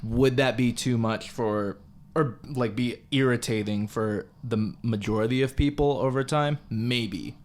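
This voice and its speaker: A young man co-hosting a casual movie review podcast, animated and jokey, laughing often and jumping high in pitch when excited. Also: measured pace. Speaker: podcast co-host.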